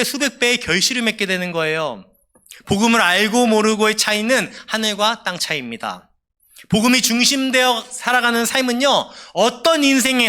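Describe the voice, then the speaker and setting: A man's voice: high-pitched, bright, forceful tone. A man preaching a sermon as a pastor, with an emphatic delivery that rises and falls.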